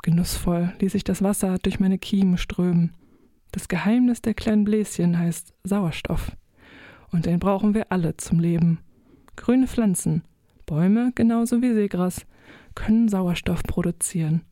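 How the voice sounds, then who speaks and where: Woman narrating a kids story, mellow warm voice, dry close mic, expressive storytelling. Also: on the low side, measured pace, no echo. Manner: gentle, expressive storytelling in first person as a fish. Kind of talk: audiobook narration of a children's story.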